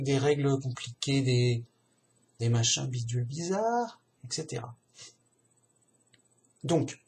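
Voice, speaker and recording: A man's voice: mid-range voice, darkish tone. A man musing aloud in a casual, digressive monologue, slangy and chatty, often addressing the listener as a buddy.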